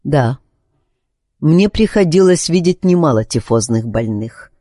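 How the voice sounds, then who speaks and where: A man reading an audiobook voices a calm, firm young nurse who speaks in a level, assured way. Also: on the high side, a little slow, dry recording, studio quality.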